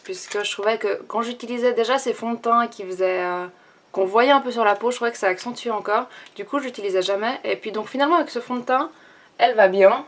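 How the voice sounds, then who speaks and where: A young woman chats through her favorite products while applying makeup, thinking aloud with frequent fillers and restarts. Her voice sits at an ordinary middle pitch. A faint hiss runs under the recording. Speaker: beauty vlogger. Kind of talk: casual makeup tutorial and review.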